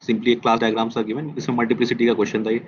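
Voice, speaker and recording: Guy teacher going through test answers, hindi english mix, repeats stuff slow, keeps asking the class, dull lo-fi audio. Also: medium pitch, little pitch movement, slight background noise. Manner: mixes Hindi and English, repeats key statements slowly; quizzes students with questions. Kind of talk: test discussion lecture.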